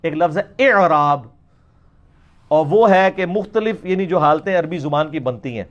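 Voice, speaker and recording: Man lecturer, middle-aged, high pitch; emphatic Q&A teaching, demonstrates words aloud. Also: highs cut off. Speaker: religious lecturer. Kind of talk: question-and-answer lecture.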